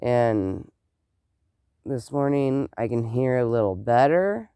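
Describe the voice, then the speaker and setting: Congested from a stuffy nose and clogged ears, this vlogger rambles casually to camera, speaking slowly, meandering, and exclaiming often. The medium-pitched voice is expressive, mellow, and smooth with a nasal edge, captured close with no room sound.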